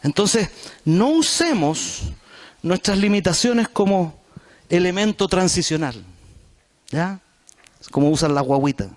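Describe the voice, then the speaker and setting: Lively, high-voiced Chilean pastor preaching. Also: male voice, measured pace, long pauses. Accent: Chilean Spanish. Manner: lively, conversational preaching with asides to the congregation. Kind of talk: sermon. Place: church.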